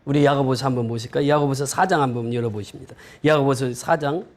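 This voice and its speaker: A male pastor preaching a sermon in a colloquial way, shifting between loud exclamations and quiet asides. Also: quick pace. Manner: drops to a low, soft voice to close phrases.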